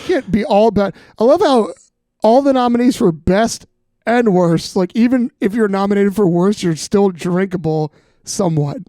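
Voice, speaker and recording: A man co-hosting a podcast in excitable, joking chat, laughing a lot. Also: high-pitched, normal speed, no room sound, clean studio sound. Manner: excitable, laughing, cracking jokes. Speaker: podcast co-host. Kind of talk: casual chat.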